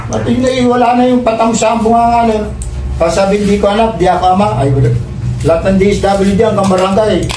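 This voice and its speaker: A man's voice: high-pitched, fairly even intonation, fairly quick, warm tone. An older man talking in short, insistent bursts in heated casual conversation. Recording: echoey distant camera audio with noise.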